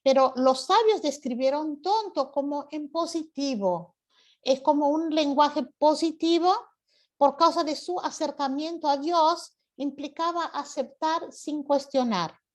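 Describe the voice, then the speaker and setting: A woman's voice: high voice, measured pace. A woman teaching an online class over a video call, explaining patiently and often asking rhetorical questions.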